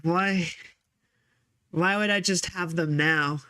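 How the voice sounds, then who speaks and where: A man's voice: high-pitched, steady tone, slow pace, sharp tone, clean tone. Joking young man gaming with friends. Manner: profane, joking banter. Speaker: streamer playing a game. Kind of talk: casual gaming chat.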